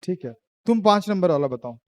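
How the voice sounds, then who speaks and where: High-voiced teasing classroom teacher. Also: male voice, lively intonation, brisk, no echo. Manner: teasing, quizzing students, laughs often. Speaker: physics teacher. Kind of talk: classroom lecture.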